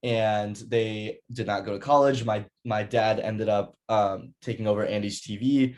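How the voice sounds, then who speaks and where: A man's voice: fairly low pitch, fairly even intonation, a little slow. A young man, a college student, giving an earnest prepared presentation over a video call, with frequent fillers and restarts. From United States. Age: young adult.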